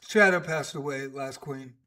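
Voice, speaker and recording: A man's voice: mid-range voice, normal speed, bright, forceful tone. Chatty older man calling chess games. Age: 60s. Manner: chatty and rambling, with many uh fillers. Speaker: chess streamer and commentator. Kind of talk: casual live-stream chess commentary.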